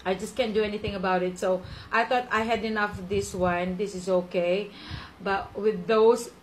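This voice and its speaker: A woman's voice: medium pitch, steady tone, moderate pace, slight background noise, low-quality recording. Chatty Filipino woman vlogging a mukbang. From Philippines. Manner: chatty, mixes English and Tagalog, laughs often. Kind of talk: casual mukbang vlog. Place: home.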